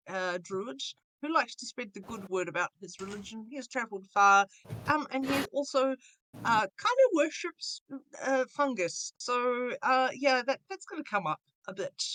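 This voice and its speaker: A woman's voice: medium pitch, a bit bright, slight background noise. A woman, a player introducing her character in a playful, rambling way. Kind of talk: casual chat.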